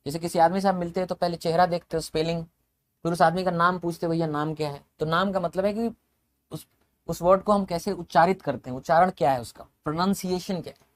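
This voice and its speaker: Speaking quickly in a fairly high, steady voice, this lecturer teaches English vocabulary to a class. He explains each point in sequence, spells words out one letter at a time, and says them again.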